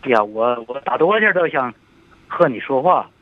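A man's voice: mid-range voice, animated, normal speed, no room sound. Hesitant 70-year-old man on a tinny phone line. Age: 70s. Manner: hesitant, troubled. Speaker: caller. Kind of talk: phone-in call.

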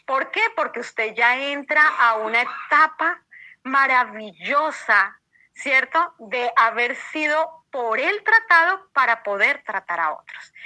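High bright-voiced woman preacher. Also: rough recording. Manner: emphatic, repeats phrases, asks the audience questions. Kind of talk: sermon teaching to a congregation.

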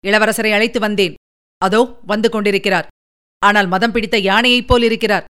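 Young noble warrior, hot-tempered and urgent, read by a woman narrator, clear smooth tone, quick delivery in a storybook. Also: medium pitch, fairly even intonation, fairly bright tone, lightly acted.

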